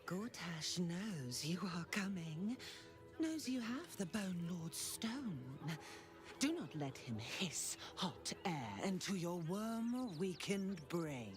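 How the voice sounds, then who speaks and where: A sinister voice in the head that hisses and whispers. She speaks very slowly. Game music plays clearly behind her. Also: fairly low pitch, sing-song. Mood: menacing. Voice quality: hissing, whispery, drawn-out. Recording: game audio over music.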